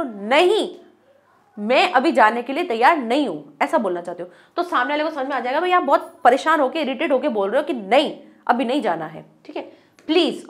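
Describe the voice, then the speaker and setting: A woman teaching a grammar lesson, acting out example exclamations with lively changes of tone. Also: high voice. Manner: acts out example exclamations with varied tone.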